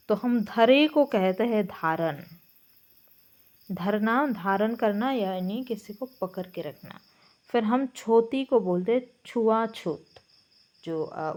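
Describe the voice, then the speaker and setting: A woman's voice: medium pitch, darkish tone. A woman with a Bengali accent, explaining textbook answers as a Hindi teacher, with a patient manner and frequent hesitations.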